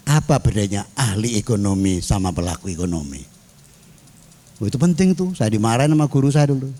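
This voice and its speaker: A man's voice: fairly low pitch, very animated, a little fast, dark tone. A male cleric delivering a sermon in a humorous way, often throwing questions to his audience. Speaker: cleric and mosque council chairman.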